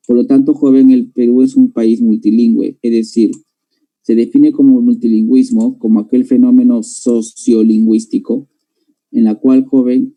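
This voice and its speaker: A man's voice: mid-range voice, warm tone, low-quality recording. A male language teacher with a Peruvian Spanish accent, lecturing a class in an explanatory way and checking in with students through tag questions. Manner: explanatory, tags sentences with "¿no?" and addresses students directly.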